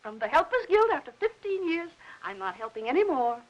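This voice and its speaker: An actress playing a fussy, chattering older aunt who rambles and pries in a 1950s film. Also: female voice, high-pitched, sing-song, brisk, lo-fi sound, noisy background. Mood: fussing chatter. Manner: rambling, prying, fussing talk.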